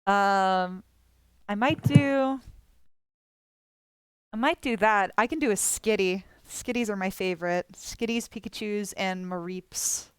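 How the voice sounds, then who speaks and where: Giggly woman streamer with a smooth voice. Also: mid-range voice, slow, no room sound. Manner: giggly, rambling, swears casually. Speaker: streamer drawing viewer requests. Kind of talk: casual live-stream chat.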